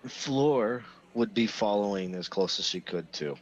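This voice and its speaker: A man's voice: fairly low pitch, animated, unhurried, muffled recording. A man playing a tabletop game in casual chat, joking around and sometimes putting on voices. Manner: playful, jokey, sometimes puts on voices. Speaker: player.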